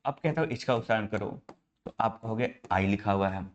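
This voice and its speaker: A man's voice: lowish voice, a little fast, lo-fi sound, slight background noise. Guy teaching english in hindi, indian accent, keeps saying my brother, asks the class questions. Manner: explains step by step, calls students "my brother"; asks students rhetorical questions. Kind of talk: online class lecture in Hindi.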